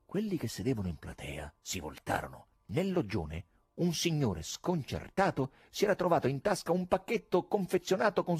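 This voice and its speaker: A man narrating an audiobook in a measured, dramatic storytelling manner, with a husky voice. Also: on the high side, dry recording. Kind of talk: scripted narration.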